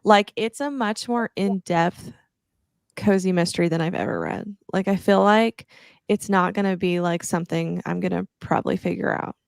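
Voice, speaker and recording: Woman guest on a call, laid-back chat, some vocal fry. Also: on the low side, normal speed, no room sound, clean studio sound. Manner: relaxed, conversational, many "like" fillers. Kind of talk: casual chat.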